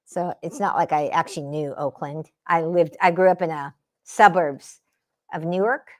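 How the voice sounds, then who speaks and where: Deep-voiced and speaking at a moderate pace, this woman hosts a livestream as a spiritual artist from the San Francisco Bay Area. Under daylight lamps in her home studio she paints, chatting casually and drifting between painting and answering comments.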